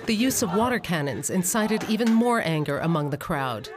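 A documentary narrator reading a calm, even, scripted narration. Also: medium pitch, normal speed. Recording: narration over music and crowd noise.

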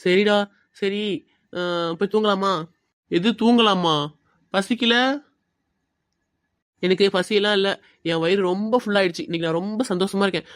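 A man's voice: sits high, fairly even intonation, normal speed, pauses often, a bit bright, no echo. A man playing young film hopefuls who chat as close friends in a web drama. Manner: friendly banter. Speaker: aspiring screenwriter and friend characters.

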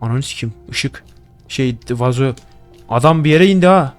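Playing a horror game in a room at home, a young YouTuber narrates in an expressive mid-range voice at normal speed, with faint music behind. He's easily startled, curses often and chats with items he comes across.

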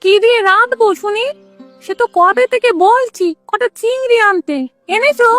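A shrill, nagging old wife. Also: female voice, normal speed, a bit bright, faint music behind. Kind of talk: cartoon voice acting.

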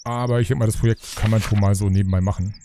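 A man's voice: on the low side, fairly even intonation, fast talker, noisy background. A man hosting a let's play, chatting casually and grumbling to himself as he builds. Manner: rambling, grumbles to himself, mutters asides. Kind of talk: casual gaming commentary.

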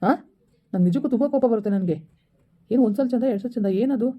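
A woman acting as a defensive, stubborn young husband in a village family drama, talking in a quick, insistent, argumentative way. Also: on the high side, lightly acted. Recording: dull lo-fi recording.

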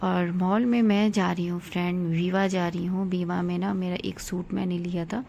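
A woman's voice: on the low side, level tone, normal speed, vocal fry, warm tone, slight background noise. A woman in her thirties chatting casually to her viewers as friends in a family vlog. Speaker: family vlogger.

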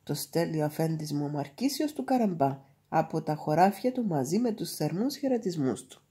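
A woman's voice: low voice, big pitch swings, warm tone, breathy edge, heavily acted. A woman voicing a sly, clever male cat in boots in a storybook reading, speaking eagerly. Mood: cunning. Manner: eager, scheming.

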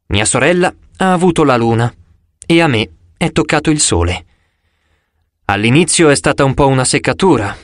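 A man's voice: fairly high pitch, no echo, clean studio sound. A man reading an audiobook, voicing a boastful, carefree male sun god with a breezy, teasing manner.

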